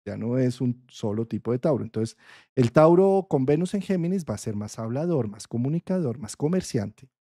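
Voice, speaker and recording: A man's voice: mid-range voice, lively intonation, moderate pace, mellow, slightly rough, no echo, clean studio sound. A man from Colombia with a Colombian accent, explaining astrology in a conversational lesson and checking in often with his listeners. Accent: Colombian Spanish. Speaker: astrology teacher.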